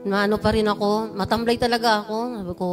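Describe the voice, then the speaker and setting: A woman telling her church testimony, recounting her story and building into loud, fervent praise. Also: medium pitch, little pitch movement, fast, music in the background. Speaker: church member giving testimony. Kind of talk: personal testimony at a prayer meeting. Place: church sanctuary.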